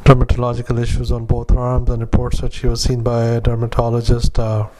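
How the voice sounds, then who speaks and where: A man who is a doctor, dictating clinical notes into a dictaphone, halting often with drawn-out "uh"s. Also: medium pitch, completely flat delivery, background noise. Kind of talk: medical dictation.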